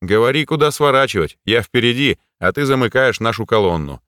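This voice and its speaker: A man voicing a confident male warrior hero with a spear, giving brisk orders in an audiobook. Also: mid-range voice, expressive, a bit bright, clean tone, no room sound, studio quality, natural voice. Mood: commanding.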